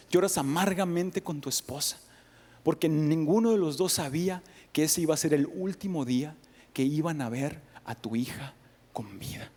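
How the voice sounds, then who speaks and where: Male pastor, dramatic sermon storytelling, high voice, long reverb. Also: a little mellow. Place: church sanctuary.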